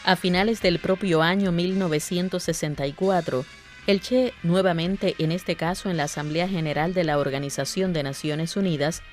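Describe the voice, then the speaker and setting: A woman with a Cuban accent reading a scripted historical radio series in a clear, formal way. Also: on the low side, moderate pace, darkish tone, faint music behind. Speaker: radio announcer.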